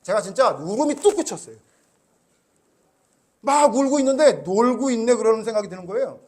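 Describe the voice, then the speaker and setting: High-voiced pastor preaching a sermon. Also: male voice, animated, fairly quick. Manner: storytelling, asks the congregation questions; swings from hushed to loud emphatic.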